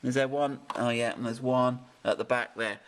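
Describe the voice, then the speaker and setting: A man's voice: medium pitch, fairly even intonation, normal speed, slight background noise. A man casually explaining a car fitting job step by step while directing helpers beside an open engine bay. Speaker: presenter of a car fitting video. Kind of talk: casual hands-on how-to explanation.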